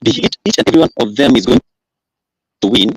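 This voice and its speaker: A man's voice: mid-range voice, lively intonation, fast, no echo. A man giving his view as a caller on an online call, speaking into an earphone mic, with glitching, distorted audio. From Kenya. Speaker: caller in an online political discussion. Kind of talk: casual opinion on a call. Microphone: earphone headset on an online call.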